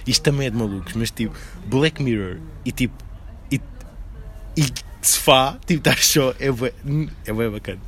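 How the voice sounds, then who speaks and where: A man's voice: mid-range voice, moderate pace, a bit bright. A young man in casual chat, slangy and dropping in English words. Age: young adult.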